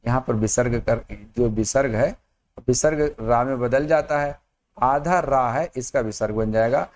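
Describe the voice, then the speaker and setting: A man teaching Sanskrit grammar who explains each word in Hindi, repeats phrases, and recites verses slowly. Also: mid-range voice. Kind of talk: slow explanatory lesson with recitation.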